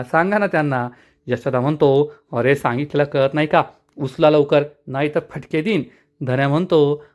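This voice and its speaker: A man's voice: on the high side, a little mellow. Man retelling a serial episode. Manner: switches quickly into voicing each character's lines. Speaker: serial episode recap narrator. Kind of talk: retelling a TV episode, acting out the lines.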